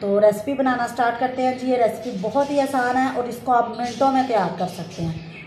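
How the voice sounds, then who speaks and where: Recording on her phone in her kitchen, a woman hosts a home cooking channel, politely walking through a recipe step by step and sprinkling in blessings. Her voice is fairly high, a little fast and darkish in tone. The room is reverberant, with a little hiss or hum.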